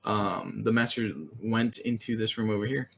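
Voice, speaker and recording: A man runs a tabletop game in a lowish voice. He narrates with frequent pauses and ums as he lays out the scene. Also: steady tone, gravelly, fairly bright tone. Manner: hesitant, many ums and uhs. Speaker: game master.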